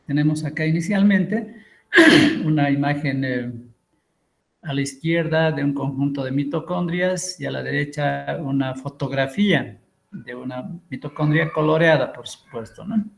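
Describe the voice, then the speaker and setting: A middle-aged man, giving an online lecture and explaining with pauses and fillers. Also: fairly high pitch, gravelly. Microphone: computer mic on a video call.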